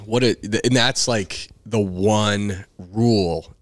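Deep-voiced young man telling a story. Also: slow pace, no room sound. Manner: animated, swears freely, acts out quoted voices. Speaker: guest, baseball player. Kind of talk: casual storytelling chat.

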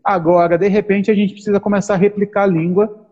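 A man with a fairly high, husky voice co-hosts a casual discussion about theology. He talks emphatically and keeps hammering his points through repetition. The recording sounds a little dull and lo-fi. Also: quick pace. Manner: animated, emphatic, repeats points. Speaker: podcast co-host.

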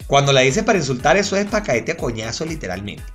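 A man's voice: medium pitch, sing-song, fast, a bit bright, faint music behind. A Venezuelan man with a Venezuelan Spanish accent, co-hosting a casual chat, joking, swearing freely and telling anecdotes. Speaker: podcast co-host. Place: living in Chile.

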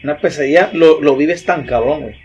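A young man with a Mexican accent, chatting casually in a slangy, animated way and laughing often. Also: a little high, fairly quick, over a noisy crowd. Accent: Mexican Spanish. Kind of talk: casual chat.

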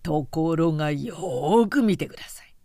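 A man's voice: on the high side, lively intonation, moderate pace, vocal fry, dark tone, no room sound, clean studio sound. A woman voicing a male samurai official who points things out as he explains. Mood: explaining.

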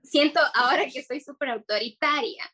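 Earnest, hesitant young woman, high voice. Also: moderate pace, a crowd in the background. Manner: hesitant, many fillers and restarts, earnest. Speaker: guest entrepreneur. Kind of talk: casual interview chat.

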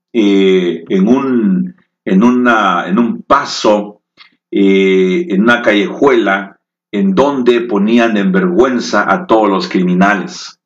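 A man preaching a sermon in slow, emotive storytelling that rises into dramatic peaks. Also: lowish voice. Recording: echoey, dull lo-fi room.

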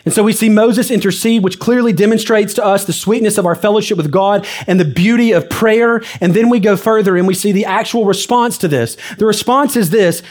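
A man preaching a sermon in a fairly high voice. He reads scripture aloud and explains it with earnest conviction. His delivery sinks to hushed phrases, then rises into emphatic passages. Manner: swings between hushed low phrases and raised emphatic stretches. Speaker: pastor. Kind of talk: expository sermon.

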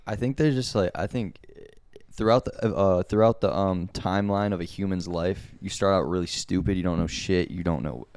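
A laid-back young man co-hosting a podcast, with a low voice. He rambles through his points and laughs often. The sound is dry and close, with no room echo. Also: moderate pace, a little mellow, smooth. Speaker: podcast co-host. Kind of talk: casual chat.

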